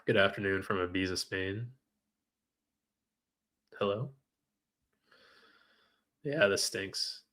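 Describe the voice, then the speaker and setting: A man's voice: low voice, slow pace, pauses often, fairly bright tone. A man trading live on a stream, reading out viewer comments and venting when trades go against him. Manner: frustrated, talks to chat while reading comments. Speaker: livestream trader.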